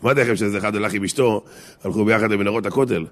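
A man, a rabbi giving a lively, jokey Torah talk to a small congregation and asking his listeners questions. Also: on the low side. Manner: animated, jokey, addresses listeners directly with questions.

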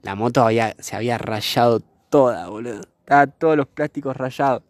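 A young man tells a story in loose, rambling chat, swearing and throwing in slang. His voice sits at a middle pitch and sounds dry and close, with little room around it. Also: fairly quick, dry recording. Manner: rambling, slangy, swears freely, laughs often. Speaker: vlogger. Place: outdoors by a fire.

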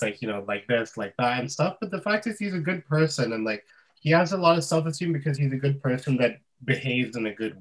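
A man's voice: medium pitch, poor audio. A man co-hosting a casual chat, talking in an earnest, reflective way. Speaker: podcast co-host.

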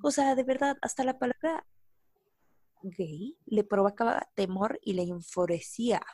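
A young woman with a Mexican accent, co-hosting a podcast and telling a story in slangy, animated casual chat. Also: mid-range voice, unhurried, no room sound, clean studio sound. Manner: slangy, animated, full of fillers. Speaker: podcast co-host.

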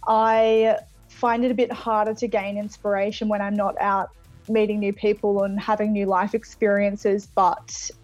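A woman's voice: medium pitch, flat delivery, normal speed, darkish tone, dry recording, faint music behind. A woman with an Australian accent chatting casually and reflectively as a singer being interviewed over a video call. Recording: phone-like thin sound of video call.

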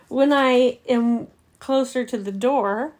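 A woman's voice: high voice, darkish tone, slight background noise. A woman co-hosting a casual comedy podcast, chatty and laughing as she tells stories about her pets. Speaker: podcast co-host.

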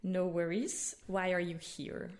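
A woman's voice: on the low side, level tone, slow, a little mellow. A woman hosting a conversational interview podcast, speaking in a reflective way. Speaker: podcast host.

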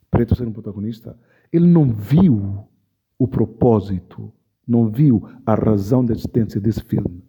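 Speaking emphatically in an interview, a man repeats important phrases for stress as he comments with passion. The voice is medium in pitch, mellow and a little rough, and the recording is dull and lo-fi.

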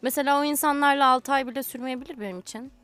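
A woman's voice: high voice, fairly even intonation, very fast, fairly bright tone, no echo, soft background music. A woman hosting a casual radio chat, teasing the others and laughing easily. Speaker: radio show host. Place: radio broadcast, dry close sound.

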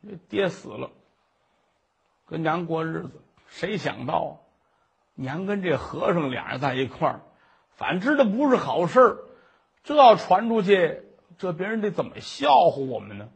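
A man telling a traditional Chinese story in a dramatic, animated way. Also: a little high, moderate pace, vocal fry, husky. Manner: animated, dramatic, many voices.

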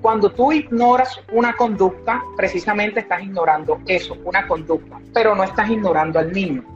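A woman's voice: medium pitch, brisk. A woman speaking as a guest specialist on child behavior, emphatic, repeating key phrases and giving examples. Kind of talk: explanatory interview talk. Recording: dull lo-fi audio with faint music.

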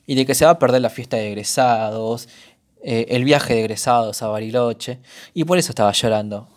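A man's voice: mid-range voice, a little fast. A young man with a Rioplatense Spanish accent hosting a solo podcast, chatting casually and rambling as if talking to a friend. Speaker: podcast host.

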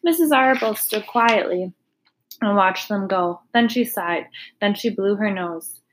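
A woman's voice: medium pitch, unhurried, a little hiss or hum, rough recording. Woman reading a storybook aloud. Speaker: reader.

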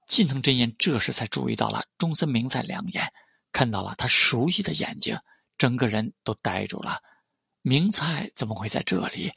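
A man narrating a web novel audiobook in an even, steady storytelling voice. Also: mid-range voice, normal speed, gravelly, slightly rough, no echo, studio quality.

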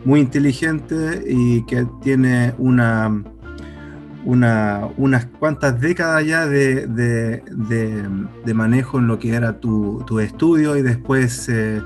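Male host, halting delivery, loose casual interview talk. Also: mid-range voice, soft background music. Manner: halting, many fillers and restarts.

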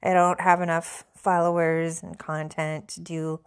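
Stuffy woman podcaster from the central us, kinda low voice, rambly and jokey about herself. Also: little pitch movement, a little slow, clear, resonant tone. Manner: rambling, self-deprecating, chatty. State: stuffy, slightly hoarse. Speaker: podcast host. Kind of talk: casual solo podcast chat.

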